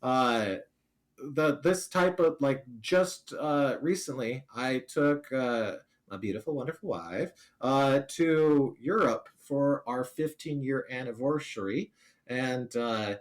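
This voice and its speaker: A middle-aged American man, a streamer guest in a casual interview, telling animated, self-deprecating anecdotes. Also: medium pitch, slow. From United States.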